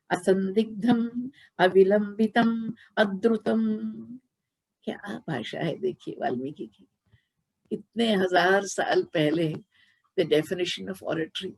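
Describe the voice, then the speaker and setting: Slow, demonstrative woman spiritual teacher. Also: mid-range voice, husky, rough recording. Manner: demonstrative, chants Sanskrit verses; leads call-and-response chants. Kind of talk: devotional discourse.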